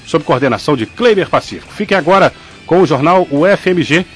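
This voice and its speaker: A man's voice: on the high side, animated, fairly quick, soft background music. Chatty Brazilian radio host, man. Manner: chatty, frequent "né" fillers and self-corrections. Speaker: radio sports show host. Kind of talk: casual radio news chat. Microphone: studio microphone.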